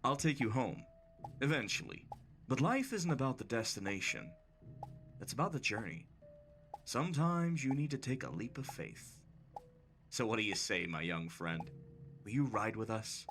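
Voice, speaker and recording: A man doing a gentle fatherly bus driver. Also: mid-range voice, sing-song, moderate pace, pauses often, soft background music. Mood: soft, fatherly. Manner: soft, almost fatherly. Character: gentle middle-aged male night bus driver.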